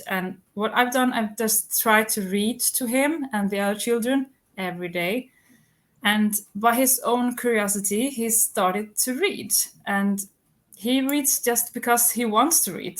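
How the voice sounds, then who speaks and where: A woman in her thirties from Iceland, a homeschooling mother answering interview questions in a measured, methodical way, point by point. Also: on the high side, fairly bright tone. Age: 30s.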